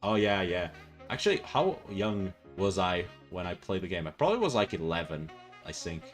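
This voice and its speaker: A young man from Portugal in his twenties, a native Portuguese speaker, chats loosely with his live-stream viewers and reads their comments. His deep voice is very animated at a normal speed as he rambles, restarts sentences, corrects himself, laughs often and fills gaps with "uh" and "um". Faint music plays softly behind him.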